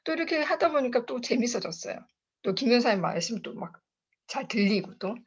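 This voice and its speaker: Woman, motivational speaker at a sales meeting. Chatty storyteller, laughs often, lively sing-song delivery, muffled call audio. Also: a little high, brisk, breathy edge. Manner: chatty, laughs often, addresses listeners as bosses. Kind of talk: motivational talk with personal storytelling. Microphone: online video call.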